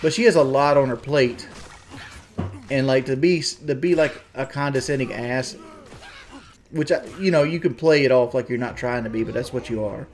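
A man's voice: mid-range voice, moderate pace. Rambling Southern man, crude and defensive. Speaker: streamer. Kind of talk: casual stream chat.

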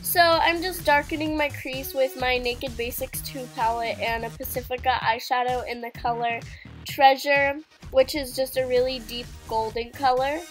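Music is clearly audible under this rough recording of a teenage beauty vlogger narrating a get-ready-with-me routine in her home living room. Her voice is high, nasal, and congested, her tone steady and pace moderate, and she chats along with plenty of "um" and "like."

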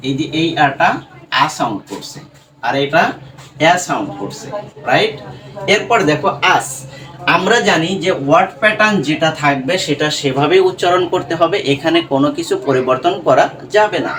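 A man teaching English pronunciation, patiently breaking words apart slowly and asking his students questions. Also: a little high, animated, a bit bright. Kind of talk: classroom lesson explaining English pronunciation. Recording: echoey room, voice from far off.

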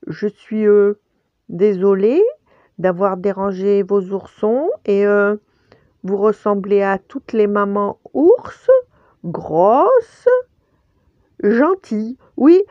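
A woman's voice: medium pitch, takes it slowly, dry recording, highs cut off, voice pushed up, close to an everyday voice. A woman voicing a cheeky little boy rabbit who talks bluntly, then stammers out a polite apology. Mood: stammering.

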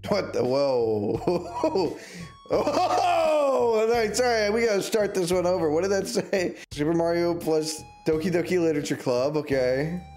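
A young man streaming, reacting to video clips with animated commentary and frequent laughter. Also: sits high, a little slow. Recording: music playing loudly behind the voice. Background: clip audio and music playing.

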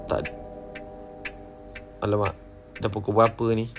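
A young man, commentating a horror game and often bursting into shouted exclamations. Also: fairly low pitch, unhurried, a little hiss or hum. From Malaysia. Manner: excitable, frequent shouted exclamations. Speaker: gaming YouTuber.

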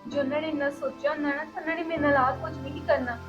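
Young actress as a crying young wife, high quick pleading voice, faint music under her. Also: fairly even intonation, muffled recording, natural voice. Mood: tearful. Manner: pleading and tearful. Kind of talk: village family drama acting.

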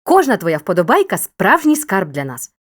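A woman narrates a scripted grammar lesson for children. Her delivery is clear and encouraging, with a very animated, swooping intonation that keeps young listeners engaged. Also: medium pitch, moderate pace. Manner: clear, upbeat, encouraging teacher tone. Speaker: teacher.

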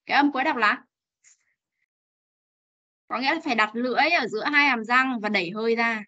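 A young woman with a Vietnamese accent teaches English pronunciation in an online class, coaxing and drilling. Her voice is bright and fairly high. It comes through as dull, lo-fi video call audio. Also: brisk.

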